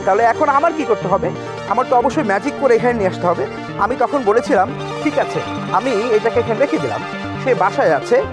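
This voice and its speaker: A man with a very high, animated voice speaks briskly while hosting a children's magic show. He tells stories and prompts the kids with short questions in interactive stage patter, with music playing behind him.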